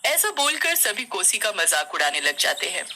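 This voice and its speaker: A woman's voice: fairly low pitch, moderate pace, bright, forceful tone, slight background noise. A woman narrating a cartoon story and voicing every character herself. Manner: voices every child and adult figure herself.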